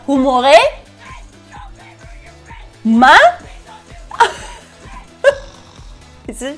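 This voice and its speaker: A woman's voice: high-pitched, faint music behind. A woman hosting a casual reaction video, laughing often and exclaiming back at the clips. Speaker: host reacting to funny clips.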